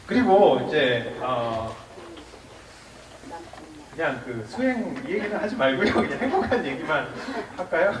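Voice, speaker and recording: A man in his forties, a monk giving a public lecture, lively and quizzing the audience, with acted-out dialogue. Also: a little high, unhurried, long pauses, crowd noise. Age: 40s. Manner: lively, asks the audience questions, acts out quoted dialogue. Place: temple lecture hall with audience. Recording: echoey hall, mic from far off, audience around.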